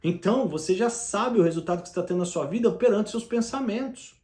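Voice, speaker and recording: A man's voice: sits high, lively intonation, quick pace, darkish tone. Emphatic man in an echoey room. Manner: emphatic, addresses listener directly with rhetorical questions. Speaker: motivational speaker. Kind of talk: motivational talk to camera.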